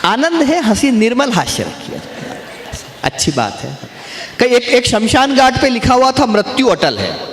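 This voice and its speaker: A man performing as a stage poet, reciting humorous verse slowly and emphatically and teasing the crowd between lines. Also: very high-pitched, big pitch swings, a bit bright. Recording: echoey stage sound in a reverberant venue.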